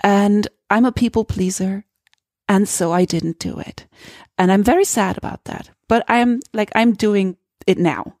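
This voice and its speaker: A woman's voice: medium pitch, unhurried, a little mellow, no room sound, studio quality. A woman with a German accent hosting a podcast, talking candidly in a searching way that often restarts phrases. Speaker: podcast host. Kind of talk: casual conversation.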